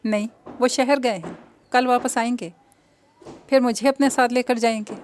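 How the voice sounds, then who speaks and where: A woman's voice: on the high side, fairly even intonation, moderate pace, a little hiss or hum, close to an everyday voice. A woman voicing a simple-minded young man who talks like a child and pleads through tears. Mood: innocent.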